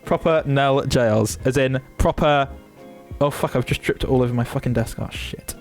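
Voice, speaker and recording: A man's voice: mid-range voice, steady tone, fairly quick, soft background music. A young man, streaming from his desk and chatting casually, swearing freely and interrupting himself. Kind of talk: casual livestream chat.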